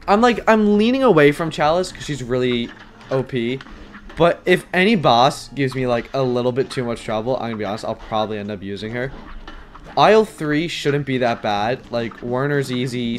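A man's voice: medium pitch, moderate pace. A young man giving casual commentary while streaming a hard game, chatty and self-deprecating, with many fillers and sudden yelps. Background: game music.

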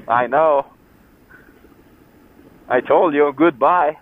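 Riding a motorcycle outdoors, a vlogger with an Eastern European accent chats and jokes with a friend, swearing freely. His fairly high voice stretches out words, heard through a helmet headset as tinny, phone-like intercom audio with road noise.

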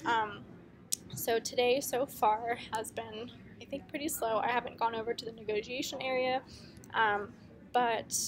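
A student reporter from the United States, a woman in her twenties, sends a casual video update to classrooms from a camera held at arm's length inside a big conference hall. She speaks a little slowly in a steady, fairly high voice, using many ums as she explains things, with the hall's noise audible behind her.

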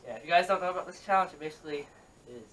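A young adult man chatting casually and haltingly as the jokey host of a vlog, recorded in a small bedroom. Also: a little high, a bit bright. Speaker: host of a challenge video. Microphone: camera a few metres away. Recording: distant, noisy camera mic with clicks.

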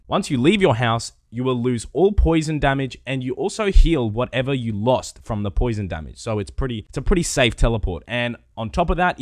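A young man hosting a gaming channel, narrating a fast, informative game guide. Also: mid-range voice, no echo, clean studio sound. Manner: quick, informative, lively delivery.

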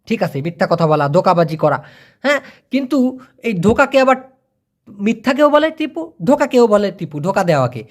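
A Malay teacher gives a video lesson. The teacher says foreign phrases very slowly, repeats them, and keeps coaxing viewers with please and brother. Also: medium pitch, sing-song.

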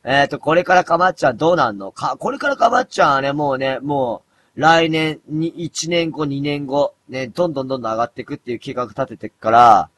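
A man in his thirties chatting casually on a late-night live stream, mumbling low and then breaking into loud, rough outbursts. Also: a little fast, a little hiss or hum. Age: 30s. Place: dim room at home.

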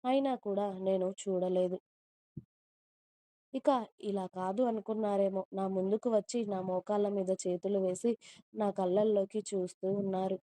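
A woman telling a first-person romantic story in a gentle, emotional, confiding way. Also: mid-range voice, fairly even intonation, normal speed, no echo.

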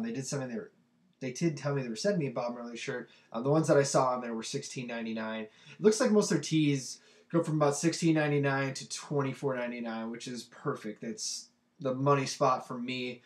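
A man's voice: mid-range voice, echoey room. A young man with a stuffy nose from a cold, chatting casually through a product review with plenty of ums and uhs. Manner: loose and chatty with many ums. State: congested from a cold. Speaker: t-shirt review vlogger.

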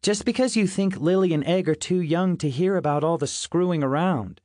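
A woman's voice: deep voice, sing-song, normal speed, no echo, studio quality, pitched above the performer's own voice. A male audiobook narrator voicing a harsh, blunt young woman who teases and mocks crudely. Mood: teasing. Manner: mocking and crude.

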